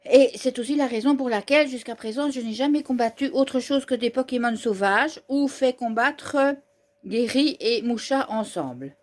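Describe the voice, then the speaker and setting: A woman reading aloud the lines of an eager, boastful young male Pokémon trainer from a manga, excited and declaiming. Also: fairly high pitch, moderate pace, close to an everyday voice.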